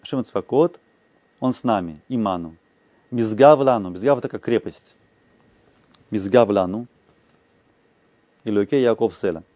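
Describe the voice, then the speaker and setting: A man giving a lesson, reading phrases aloud and explaining them one by one in a slow, patient way. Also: lowish voice, dark tone, no echo. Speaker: teacher.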